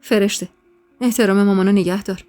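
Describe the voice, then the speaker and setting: A woman's voice: mid-range voice, steady tone, lightly acted. A woman voicing a protective young adult brother in a storybook podcast, over faint background music. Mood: stern. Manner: firm then gentle, comforting.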